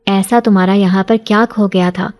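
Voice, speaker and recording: A woman's voice: medium pitch, fairly even intonation, lightly acted. Woman doing a stern scolding mother. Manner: scolding, sharp-tongued.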